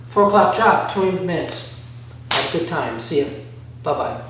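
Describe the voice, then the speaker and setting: He has a high voice with lively intonation and talks at a normal speed. A DIY vlogger, he gives a relaxed instructional walk-through, wandering a bit as he thinks out loud, from a bare concrete-floored workshop by a garage. There's heavy room echo, a faraway mic, and faint noise.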